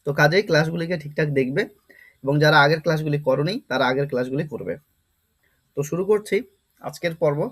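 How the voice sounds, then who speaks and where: Guy teaching vocab class, fairly high voice, keeps repeating stuff and asking questions. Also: fast, pauses often, a bit bright. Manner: explains step by step, repeats words and asks rhetorical questions. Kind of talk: vocabulary lesson.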